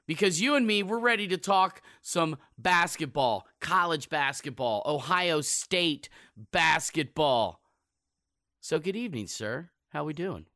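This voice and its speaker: Man, sports podcast host, casual emphatic talk, bright forceful voice, dry close sound. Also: a little high, expressive, measured pace, no echo.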